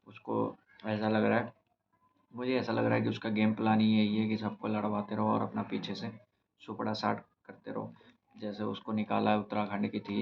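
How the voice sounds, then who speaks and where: A young man casually recapping a reality show episode in a rambling, halting way, with many restarts and fillers. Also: fairly low pitch, gravelly. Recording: slightly dull, lo-fi recording with faint noise.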